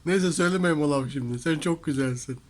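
A man at home talking affectionately to his cats in playful baby talk, now and then speaking indignantly about people who harm animals. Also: fairly quick. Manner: affectionate baby talk to cats, rising to high teasing tones. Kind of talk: casual talk to pets and viewers. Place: home workshop with cats around.

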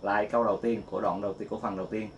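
A man giving a casual guitar lesson, singing note names slowly between quick explanations. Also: lowish voice, little pitch movement, dull audio. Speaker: guitar teacher. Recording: loud guitar playing along.

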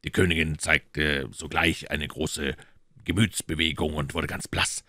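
A man voicing a cold, devoted nobleman agent who reports in curt, measured tones, in a storybook reading. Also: rumbling low, level tone, sharp tone, no room sound, studio quality, exaggerated voice. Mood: secretive.

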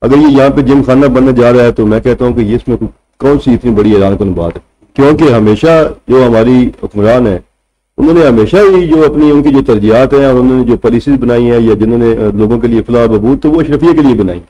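On a TV studio panel, a male senior journalist with a Punjabi Urdu accent argues his case, firing rhetorical questions at the host. His medium-pitched voice is dark-toned and a little fast. He speaks into a table mic, and the recording quality is low.

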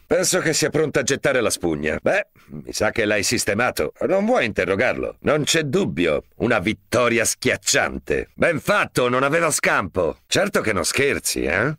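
An actor dubbing a hard-boiled, crooked, foul-mouthed male cop in a video game, gruff and sneering. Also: mid-range voice, fairly bright tone, no echo, clean studio sound. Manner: sneering, gruff tough-guy quips. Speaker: game character voice lines. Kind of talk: Italian game dub.

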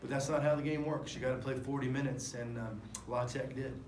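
Rambling coach in an echoey press room. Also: male voice, mid-range voice, fairly even intonation, brisk, darkish tone. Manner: candid, rambling with many fillers and restarts. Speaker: head basketball coach. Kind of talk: postgame press conference. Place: press room in front of a sponsor backdrop. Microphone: table microphones. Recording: echoey room with faint noise.

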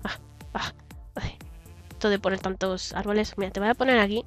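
A woman's voice: medium pitch, steady tone, fairly quick, faint music behind. A young woman giving casual, giggly commentary while playing a video game, humming to herself, her throat a little sore. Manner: chatty, giggly, hums and sings to herself. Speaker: gaming YouTuber.

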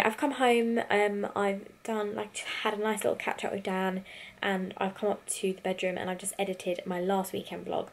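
A woman's voice: medium pitch, vocal fry. A young British woman vlogging from her bedroom, chatting candidly and rambling a little into a handheld camera. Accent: British English. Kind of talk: casual chatty vlog. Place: bedroom at home. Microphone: handheld compact camera.

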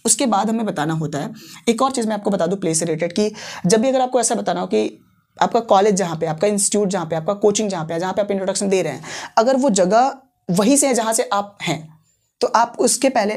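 A patient male teacher gives a classroom lesson at a whiteboard. He explains in one language and then says the example phrases in another. He repeats each phrase slowly, many times over. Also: high-pitched, lively intonation, a little mellow. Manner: switches between Hindi explanation and English example phrases. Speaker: English teacher.

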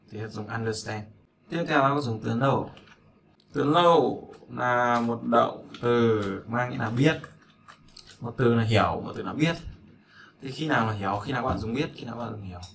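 A man's voice: medium pitch, creaky, sharp tone, slight background noise. A man from Vietnam, teaching English in a chatty way, repeating words and checking that learners follow. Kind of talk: casual spoken lesson.

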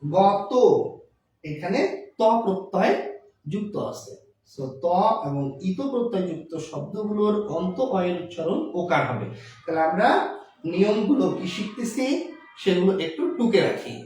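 Echoey teacher explaining with lively pitch. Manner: explains slowly, repeats words and examples. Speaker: Bengali language teacher. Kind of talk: classroom lesson on pronunciation rules. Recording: echoey room recorded from far off.

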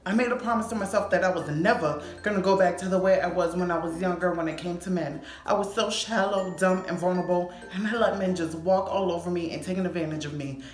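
A young adult woman vlogging casually to camera in a sassy, slangy, expressive way, recorded in an echoey room. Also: on the low side. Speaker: YouTube vlogger. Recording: echoey room, faint music behind.

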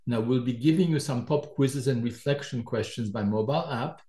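An older man from Poland, a professor giving a measured university lecture introduction with dry asides, in a large lecture hall. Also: mid-range voice, mellow. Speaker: professor co-leading a lecture series.

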